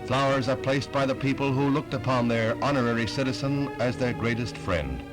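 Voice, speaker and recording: A man's voice: medium pitch, a little fast, over music, low-quality recording. A man narrating a 1960s newsreel with a solemn, stately delivery.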